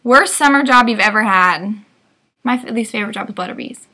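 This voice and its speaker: A woman's voice: fairly high pitch, brisk, pushed and bright. A young woman co-hosting a book vlog, chatting casually and teasing her friend. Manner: teasing, bickering playfully. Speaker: book vlogger co-host. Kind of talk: casual chat answering a tag.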